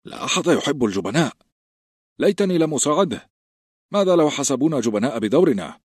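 A man's voice: medium pitch, very animated, a little fast, husky, no echo, clean studio sound, pitched above the performer's own voice. A man doing a blustering young recruit. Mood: indignant. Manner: loud, indignant, blustering. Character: thick-necked young male recruit, blustering and touchy.

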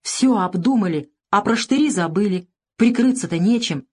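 A woman's voice: mid-range voice, expressive, moderate pace, breathy edge. A woman voicing a gloomy, wary male convict in an audiobook, speaking anxiously and urgently.

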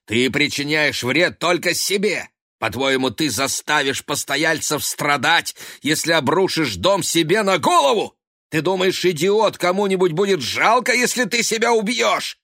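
A man's voice: on the high side, lively intonation, a little slow, bright, forceful tone, no room sound, studio quality, voice pushed up, full character voice. A man reading an audiobook, voicing a sickly older brother who scolds bluntly. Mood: angry. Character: stern older brother, sickly, gruff but caring.

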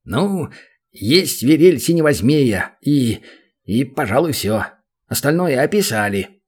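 A man's voice: mid-range voice, big pitch swings, slow, a little mellow, husky, exaggerated voice. A man voicing a small, rude male goblin guild master who whines and pleads, in an audiobook. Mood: whiny, pleading.

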